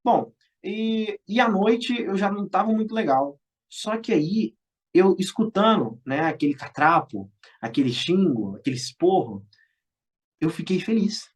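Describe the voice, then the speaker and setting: A young man from Brazil, a guest in a casual interview, telling animated, slangy stories and acting out shouted lines. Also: high voice, a little slow. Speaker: guest, former military school cadet.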